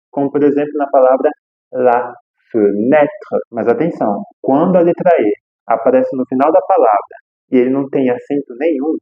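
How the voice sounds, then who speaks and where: A man gives a French pronunciation lesson in a slightly high voice. He explains step by step and repeats each example word slowly. The sound is thin and tinny, like a phone line. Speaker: French teacher.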